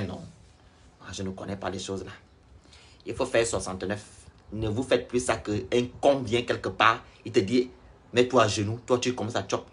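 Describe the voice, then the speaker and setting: Very husky man ranting to viewers. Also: medium pitch, fairly bright tone. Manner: blunt, preachy, lecturing the audience directly. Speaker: online commentator. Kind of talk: ranting social-media vlog.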